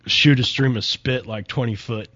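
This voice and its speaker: A man's voice: mid-range voice, steady tone, moderate pace, fairly bright tone. A man hosting a radio talk show in casual, joking chat, with a slight lisp from missing front teeth. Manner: joking, rambling, with restarts. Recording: slightly dull radio broadcast audio.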